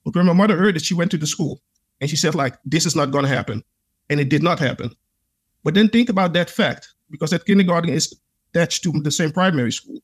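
This adult man from the Netherlands speaks fast in a fairly high voice with a breathy edge. As a podcast guest, he tells his own stories earnestly and reflectively, with plenty of "like" fillers, in a conversational interview style.

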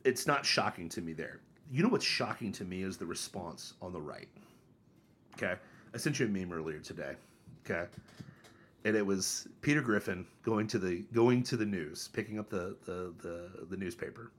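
A man in his thirties co-hosting a podcast, talking in a casual, mocking, animated way. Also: normal speed, a little hiss or hum. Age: 30s. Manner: animated, mocking, mimics others in high voices. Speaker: podcast co-host. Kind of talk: casual opinion chat.

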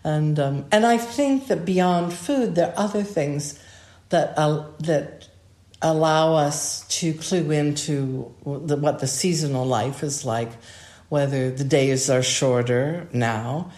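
An older woman, a podcast co-host, musing in a relaxed, rambling way with restarts. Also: low voice, slow. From United States. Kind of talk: relaxed conversation. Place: home by a fireplace. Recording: roomy echo.

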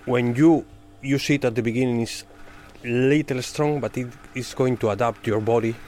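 A middle-aged or older man from Spain, a bespoke tailoring undercutter, explains his craft in careful non-native English with a Spanish accent. His mid-range voice is steady and a little mellow at a normal speed, with slight background noise as he gives explanatory interview answers.

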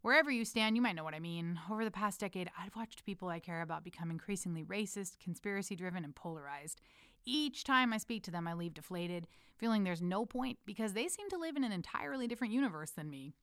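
A woman's voice: mid-range voice, lively intonation, fast talker, a bit bright, clean tone, no room sound, clean studio sound. Intimate, playful woman reading her letter aloud. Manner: intimate and playful, addresses the listener as her love. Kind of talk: personal letter read aloud. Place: lives in Amsterdam.

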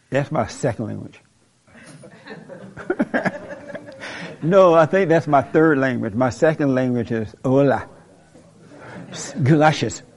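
A man with a gravelly, somewhat high yet slightly mellow voice hosts a call-in show, preaching with emphasis and returning to key lines again and again. Occasional jokes and laughs break in, and the recording sounds dull and lo-fi.

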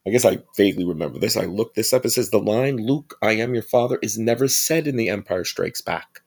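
Gravelly-voiced man hosting a podcast. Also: fairly low pitch, lively intonation, fast talker, darkish tone. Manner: chatty and self-mocking. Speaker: podcast host. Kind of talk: casual chat.

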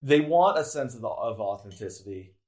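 A man in relaxed podcast conversation, rambling and self-interrupting with lots of filler words, candid and sometimes swearing. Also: medium pitch, moderate pace. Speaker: podcast guest. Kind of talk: casual conversation.

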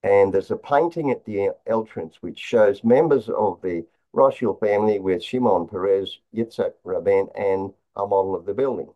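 Low-voiced man in halting conspiracy talk, dull audio. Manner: halting, repeats words and restarts phrases. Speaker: interview guest, author. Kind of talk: conspiracy talk, explaining slides. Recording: dull, lo-fi sound.

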